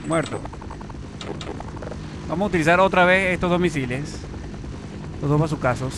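A young man giving let's play commentary, talking to himself and swinging from muttering to excited shouting. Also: fairly high pitch, quick pace, noisy background. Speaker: gameplay streamer. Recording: loud game gunfire behind voice.

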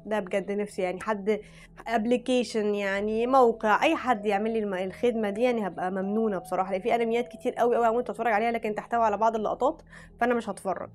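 A woman's voice: medium pitch, fairly even intonation, very fast, a little mellow. A woman with an Egyptian Arabic accent, chatting frankly as a vlogger, often breaking off mid-word and starting again. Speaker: anime vlogger. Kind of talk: casual chat reading out recommendations.

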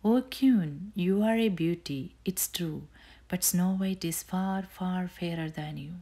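A woman reading a bedtime story, voicing a magic mirror that speaks slowly and solemnly. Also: on the low side, warm tone.

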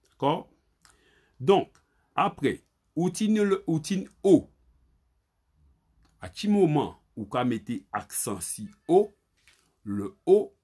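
Husky man teaching spelling, lively pitch. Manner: halting, repeats words, spells letters aloud. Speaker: Creole language teacher. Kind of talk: spoken spelling lesson.

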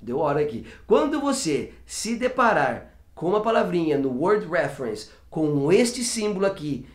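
Guy teaching english vowels, kinda high voice, repeats words a lot, echoey room. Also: very animated, normal speed. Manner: chatty, demonstrates sounds by repeating words. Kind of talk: casual video lesson. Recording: roomy echo.

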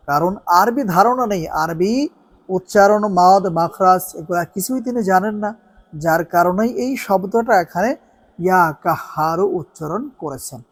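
Brief: male devotional teacher, earnest and instructive, lingers on recited prayer words. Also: high-pitched. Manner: earnest, instructive, stretches recited Arabic phrases slowly. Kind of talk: religious instruction.

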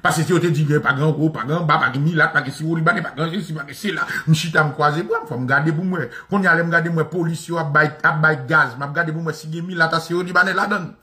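Animated, mocking Haitian man, high bright voice. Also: fast, few pauses. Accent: Haitian Creole. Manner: animated and mocking, repeats phrases, often laughing. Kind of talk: political commentary monologue.

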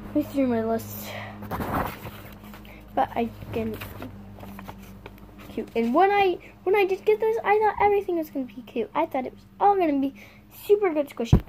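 A woman vlogging an unboxing, talking straight to her viewers in a halting, complaining way. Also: high-pitched, a little mellow, a little hiss or hum. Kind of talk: casual unboxing chat to viewers.

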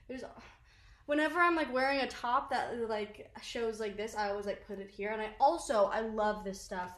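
A young social media creator rambles casually to the camera about her favorite makeup, dropping plenty of "like" fillers and self-deprecating asides. Her voice is a little high, and the sound is roomy from the small bedroom she records in.

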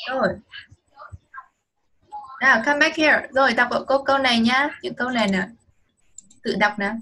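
High bright teacher. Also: female voice. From Vietnam. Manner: encouraging, slow modelling of English phrases. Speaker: online English teacher. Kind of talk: patient one-on-one teaching to a child.

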